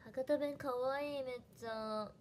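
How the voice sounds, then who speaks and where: A woman's voice: high voice, steady tone, measured pace, slight background noise. A young woman with a Hiroshima dialect, chatting casually on a livestream and thanking viewers by name. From Fukuoka, Japan. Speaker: idol trainee livestreamer.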